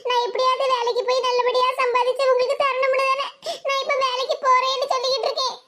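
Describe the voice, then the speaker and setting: A woman voicing a tearful young working daughter in an animated cartoon, pleading in a southern Tamil accent from the Tirunelveli-Kanyakumari area. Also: very high voice, fast talker, very noisy, pitched above the performer's own voice.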